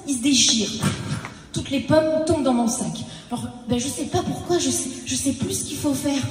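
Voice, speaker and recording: A woman performing a comic stage monologue, telling her story haltingly and acting out her own lines of dialogue. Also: high-pitched, faint music behind. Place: stage in a large hall. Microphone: handheld stage mic. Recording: echoey hall, mic at a distance.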